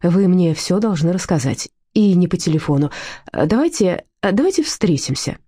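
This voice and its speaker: A woman's voice: lowish voice, very animated, moderate pace, warm tone, husky, dry recording. A woman reading a storybook aloud, voicing an eager, fussy man flustered by a woman he fancies. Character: eager fussy middle-aged man, smitten.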